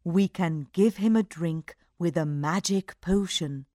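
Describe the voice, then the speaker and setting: A kind young hero voiced by a woman reading a storybook speaks softly and gently, a shade below her usual pitch. He talks calmly and slowly. The sound is dry and close. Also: dry recording. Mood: gentle. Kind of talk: storybook read-aloud.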